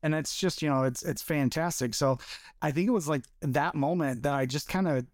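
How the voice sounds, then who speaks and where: A man's voice: on the high side, a little fast, no echo, studio quality. A man from Michigan, a podcast guest, talking casually and hesitantly with many fillers and restarts. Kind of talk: casual interview chat.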